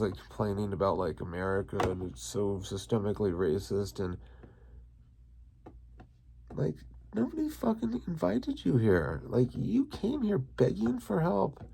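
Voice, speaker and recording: Male vlog host, low pitch, heated profane rant. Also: gravelly, dark tone, husky. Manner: crude, heated, swearing. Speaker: channel host.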